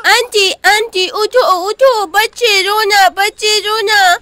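A woman's voice: very high voice, fairly even intonation, crowd noise. Woman doing a little boy in baby-talk. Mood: urgent, pleading. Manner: broken baby-talk, drawn-out words. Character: little boy, clumsy, soothing crying babies.

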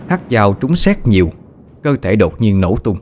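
A man narrating a ghost story in a steady, dramatic way. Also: lowish voice, a little slow, slight background noise.

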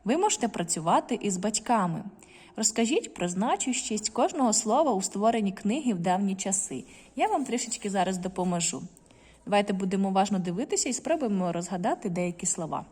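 Woman, teacher, recorded lesson for children, clear deliberate pronunciation, reverberant room. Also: medium pitch, big pitch swings, darkish tone. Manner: slow careful word-by-word reading, stressing syllables.

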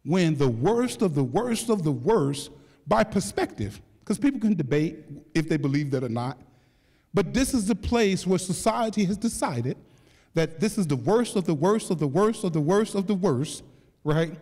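A man's voice: sits high, big pitch swings, normal speed, mellow. An older man giving a keynote talk, telling his story animatedly, laughing and joking with the audience. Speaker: keynote speaker. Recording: echoey hall reverb.

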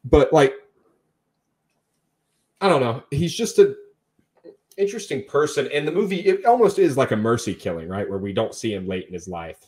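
A man's voice: mid-range voice, sing-song, normal speed, pauses often, darkish tone. A young man co-hosting a casual film review podcast, rambling and chatty. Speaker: podcast co-host.

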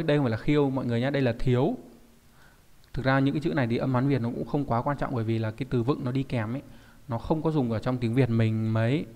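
Man, kanji teacher, explanatory, rhetorical check questions, mid pitch, long reverb tail. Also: darkish tone. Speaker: Japanese teacher. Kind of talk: recorded online kanji lesson.

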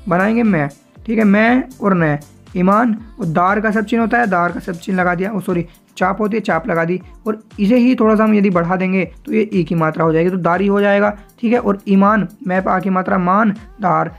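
A man teaching a shorthand lesson, explaining each step patiently and often checking that it is clear. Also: sits high, muffled recording. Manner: patient, repeats points, often asks if it is clear.

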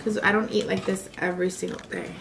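A woman's voice: medium pitch, level tone, fast, gravelly. A young woman vlogging casually while eating at home, chatty and switching into Spanish now and then. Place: home dining table. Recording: loud dish and cutlery noise. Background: dishes clattering.

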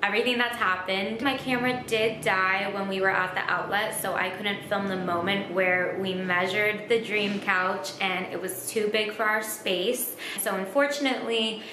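A woman's voice: medium pitch, fairly even intonation, normal speed, hardly any pauses. Young woman vlogger, casual storytime delivery, upbeat and chatty; roomy echo and faint hiss. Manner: chatty, upbeat, uses "like" often. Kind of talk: casual home vlog storytelling. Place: small room at home, indoors.

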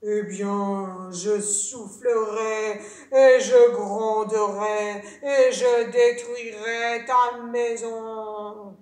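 A woman voicing a menacing, sly male wolf in a storybook reading, with slow, drawn-out, growling threats. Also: a little high, fairly even intonation, a little mellow, voice pushed down. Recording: echoey room, a bit distant.

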